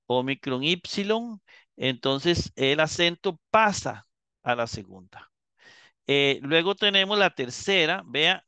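A man teaching a live Greek class, explaining slowly and checking in with his students as he goes. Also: on the high side, pushed and bright, clean tone, dry recording. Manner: slow, explanatory, repeats and checks with "¿verdad?".

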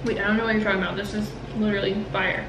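A woman's voice: mid-range voice, very fast. A woman in her twenties co-hosting a home cooking vlog, chatting casually and gushing with enthusiasm over the food. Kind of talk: casual chat while cooking. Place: home kitchen, indoors. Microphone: far camera. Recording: roomy kitchen from a distance, steady background hiss.

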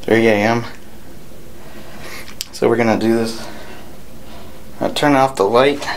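A man in his twenties speaking casually to camera in a halting, hesitant way, explaining a challenge as a vlogger. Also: mid-range voice. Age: 20s. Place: small home bathroom at night. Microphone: handheld camera at arm's length. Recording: noisy small-room camera audio.

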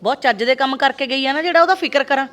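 An actress playing a sharp-tongued village mother who scolds her grown son. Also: sits high, fast talker, faint music behind. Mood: scolding. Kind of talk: Punjabi web series acting.

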